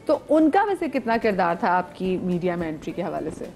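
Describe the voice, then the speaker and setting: A woman's voice: lowish voice, big pitch swings, a little mellow. A woman from Pakistan hosting a talk show, interviewing her guests and affirming them with frequent short replies.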